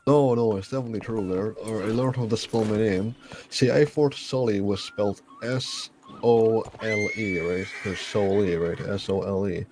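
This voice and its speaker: A man's voice: fairly low pitch, fairly even intonation, moderate pace, background noise, natural voice. A man playing an easygoing Irish frontiersman. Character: Irish frontiersman, plainspoken, good-humored, man. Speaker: roleplay character. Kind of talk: live roleplay.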